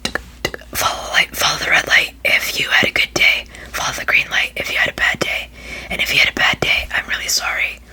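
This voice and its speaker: A person whispering quickly in an ASMR style, rambling and repeating short phrases over and over. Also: bright, forceful tone. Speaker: ASMR video creator.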